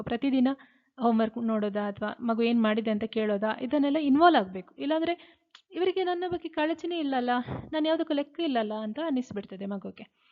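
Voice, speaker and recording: Woman teacher, reads out points and then explains them, higher voice, tinny phone-quality sound. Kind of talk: lecture explaining slides.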